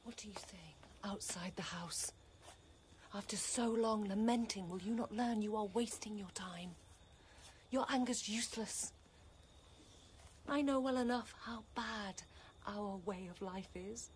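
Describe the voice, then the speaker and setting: An actress playing a cautious sister in a stage tragedy, speaking in a hushed, reproachful way. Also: female voice, medium pitch, a little slow, pauses often, a little hiss or hum, close to an everyday voice. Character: cautious younger sister, scolding gently.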